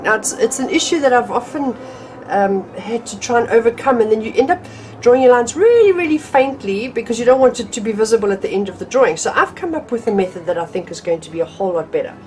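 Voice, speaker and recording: In a mid-range voice, a middle-aged woman runs a casual drawing lesson from her home art room. She's chatty, a little nasal from a cold, and often says um or restarts her sentences.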